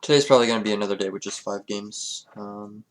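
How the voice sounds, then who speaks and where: A man's voice: fairly low pitch, steady tone, fast talker. A man streaming a chess game, thinking aloud in a casual, hesitant, muttering way. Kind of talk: casual live commentary while playing.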